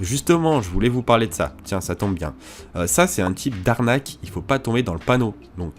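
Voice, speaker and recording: A man's voice: lowish voice, a little hiss or hum. A man hosting a crypto tutorial, talking casually through a screen walkthrough with hesitations and asides.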